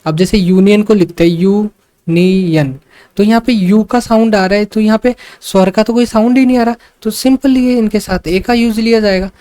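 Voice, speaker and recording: A man tutoring English grammar for exam students, explaining slowly and repeating his points with frequent fillers and English terms mixed in. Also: high-pitched, steady tone, a little mellow, smooth. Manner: mixes English terms into speech. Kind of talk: online exam-prep lesson.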